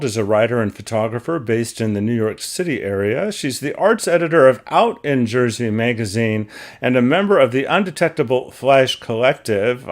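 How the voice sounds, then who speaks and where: A man hosting his own interview show, earnest and talkative, introducing his guest and carefully crediting others. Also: mid-range voice. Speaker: podcast host.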